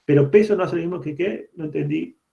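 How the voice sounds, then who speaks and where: Argentine guy lecturing online, slightly high voice, keeps asking "¿sí?", muffled call audio. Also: a little fast, warm tone. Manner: explanatory, checks in with students often. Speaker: university lecturer. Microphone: computer mic on a video call. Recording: dull lo-fi video-call audio.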